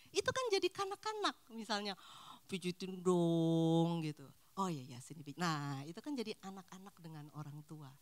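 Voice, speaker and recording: A middle-aged woman speaks in a relaxed, chatty way to a church group of married couples. Her pitch rises and falls freely. Now and then she slips into short acted bits of everyday talk. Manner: animated, acts out little dialogues. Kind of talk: casual talk.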